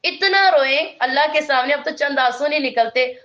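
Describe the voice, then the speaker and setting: A woman with a high, light voice gives a religious lesson on the Quran. She leans on repetition to drive each point home and mixes explanation with storytelling. The sound is dull and lo-fi, like a modest home recording. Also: bright, forceful tone. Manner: emphatic, repeats words for stress. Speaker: Quran teacher.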